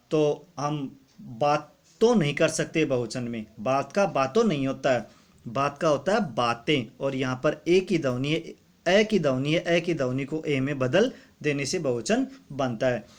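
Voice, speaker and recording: A man's voice: medium pitch, expressive, measured pace. A man teaching a grammar lesson for exam students, repeating each example word and often addressing viewers as friends.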